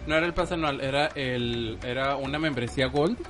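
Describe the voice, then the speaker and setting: A man's voice: mid-range voice, fairly quick. Joking man with music behind. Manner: joking, laughs often. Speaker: podcast co-host. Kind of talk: casual chat.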